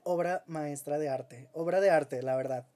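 A man's voice: on the high side, normal speed, mellow. A man with a Mexican accent co-hosting a podcast in casual, enthusiastic chat, with lots of fillers and easy laughter. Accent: Mexican Spanish. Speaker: podcast co-host.

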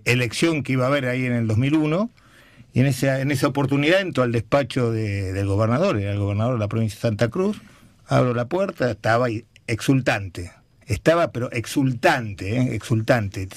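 Argentine male guest, mid pitch, dry close mic, stop-start storyteller. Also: no room sound. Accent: Argentine Rioplatense Spanish. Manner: halting anecdote teller, repeats words. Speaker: radio guest. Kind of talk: casual radio interview.

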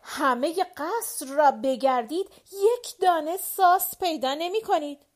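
A woman voicing a quarrelsome, indignant male servant who shouts in exasperation in an audiobook. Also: sits high, lively intonation, pitched above the performer's own voice. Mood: indignant shouting. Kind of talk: audiobook character voice.

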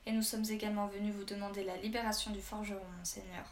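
A woman's voice: medium pitch, flat delivery, fast talker, close to an everyday voice. A woman voicing a blunt, defiant old man of a village, speaking firmly, recorded with a roomy echo. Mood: respectful. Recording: roomy echo, faint background hiss.

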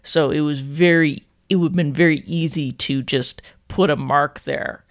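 Podcast co-host, gravelly voice, casual, stop-start explaining. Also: medium pitch, fairly even intonation, moderate pace. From Canada. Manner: explaining, many restarts and repeats. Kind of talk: casual chat.

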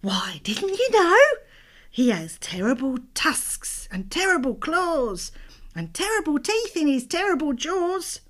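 Woman voicing a high, plucky little storybook mouse. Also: very animated, slow, heavily acted. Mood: cheerful, sly. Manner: plucky, bright, polite. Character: small, clever, polite male mouse hero. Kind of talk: children's storybook reading.

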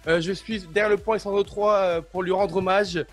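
A man's voice: high-pitched, fairly even intonation, normal speed, faint music behind. A young man hosting a radio show, teasing his guests in a jokey way. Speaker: host.

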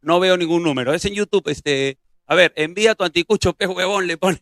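A man's voice: high voice, fairly quick, fairly bright tone, no room sound, clean studio sound. A man hosting a live show in casual chat, repeating short phrases insistently. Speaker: host of a live prank-call show.

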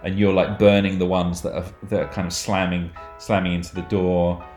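A man narrating as game master of a tabletop horror game, describing scenes in a halting way with many fillers. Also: deep voice, flat delivery, a little mellow, soft background music. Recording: roomy echoey recording.

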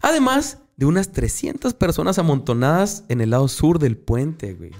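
A Mexican man tells a story in casual podcast chat. His pitch moves up and down a lot, and his talk is thick with slang and swearing. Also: big pitch swings, moderate pace, a little mellow. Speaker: podcast host telling a story.

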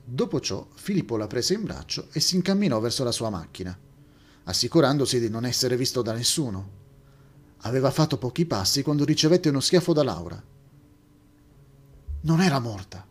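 A man narrating a story in a steady, measured reading voice. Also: medium pitch, husky.

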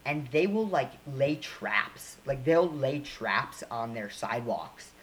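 A young man chatting casually, his voice mid-pitched and relaxed, racing through stories with restarts and quick asides. A faint hiss of room noise sits behind him. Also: poor audio. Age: young adult. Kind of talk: casual chat.

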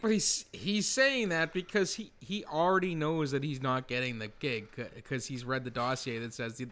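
A man's voice: mid-range voice, normal speed, fairly bright tone. A middle-aged man wisecracking and swearing in a casual movie podcast chat. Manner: wisecracking, profane. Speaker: podcast co-host.

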